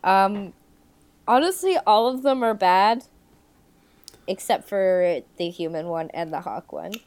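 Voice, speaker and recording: A woman's voice: medium pitch, lively intonation, unhurried, a little mellow, clean tone. A young adult woman co-hosting a podcast, chatting in a laid-back, dry way full of hesitations. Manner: laid-back, lots of ums and laughs, dry. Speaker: podcast co-host. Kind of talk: casual chat.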